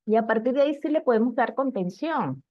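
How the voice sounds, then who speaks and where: A woman's voice: on the high side, lively intonation, a little fast, no echo. A woman giving an informal talk on parenting, explaining patiently and often checking in with listeners. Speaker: parenting educator. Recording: dry, slightly dull sound.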